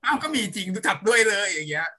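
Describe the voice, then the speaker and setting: A co-host in a casual chat, tossing in quick teasing reactions. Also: medium pitch, very animated, a crowd in the background. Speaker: podcast co-host.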